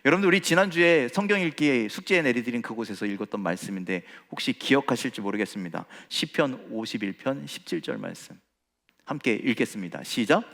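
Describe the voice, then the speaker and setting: A man's voice: mid-range voice, expressive, brisk, creaky, fairly bright tone. A male pastor preaching a sermon with emphatic rhetorical questions, addressing his congregation. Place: church sanctuary. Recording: long church reverb.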